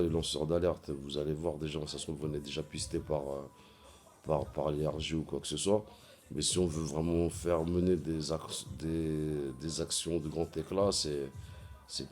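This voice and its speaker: A man vlogging in a casual monologue, halting often with fillers and repeating words as he searches for them. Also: very deep voice, darkish tone.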